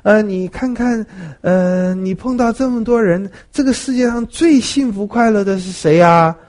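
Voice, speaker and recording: A man's voice: moderate pace, darkish tone, close to an everyday voice. A man preaching acts out a boastful, indignant rich ancient king in a raised voice. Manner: pleading and boastful, rising high.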